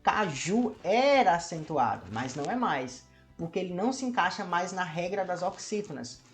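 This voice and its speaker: A man's voice: high voice, expressive, normal speed. Brazilian male teacher, explanatory lesson delivery with rhetorical questions, faint music bed. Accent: Brazilian Portuguese. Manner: asks many rhetorical questions and addresses viewers as "meu povo".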